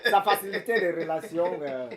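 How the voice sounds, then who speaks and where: A man's voice: high voice, lively intonation, normal speed. A man with a slightly raised voice tells a story as a guest, laughing often. The chatter of a crowd carries underneath him. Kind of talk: anecdotal chat.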